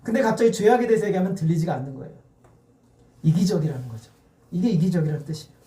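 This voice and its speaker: A male pastor preaching a sermon in a church sanctuary, animated and firing rhetorical questions at the congregation. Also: high voice, racing. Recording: echoey church hall.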